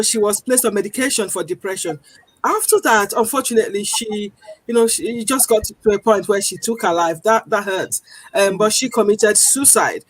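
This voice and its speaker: A panel discussion guest with a Nigerian accent speaks earnestly and deliberately, her voice a little high. She pauses often to gather her words. The audio is dry and close with no echo, though the quality is poor.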